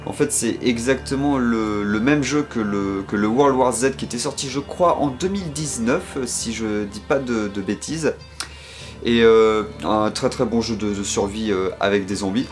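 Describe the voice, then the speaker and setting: A man's voice: mid-range voice, moderate pace, faint music behind. A man with a French accent talking casually about the games in his collection, hesitant and full of fillers and restarts. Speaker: game collector showing his purchases. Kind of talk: casual video commentary.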